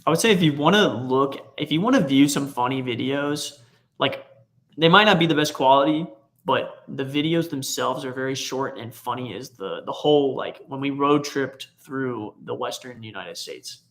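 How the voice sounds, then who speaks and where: A man's voice: medium pitch, normal speed, fairly bright tone. A young man from Texas, co-hosting a travel channel livestream in an easygoing way and often repeating words as he starts a sentence. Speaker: travel vlogger co-host. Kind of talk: casual livestream chat.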